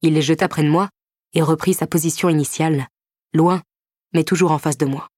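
Low-voiced woman narrating a novel. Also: fairly even intonation, darkish tone, no room sound, studio quality. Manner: measured, tense, intimate reading. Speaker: audiobook narrator. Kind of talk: first-person novel narration.

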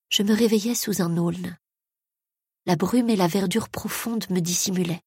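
A woman narrates a first-person story at an unhurried, measured pace. Her voice is husky, at a middle pitch. The recording is dry and close, with no room sound. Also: darkish tone, no echo. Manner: slow, measured reading. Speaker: audiobook narrator.

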